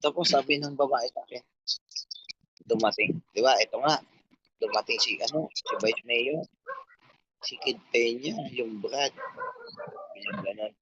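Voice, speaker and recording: A man's voice: mid-range voice, a little slow, pauses often, sharp tone, breathy edge, no echo, muffled recording. A man telling a long, rambling, profane story in a casual chat, quoting himself and others.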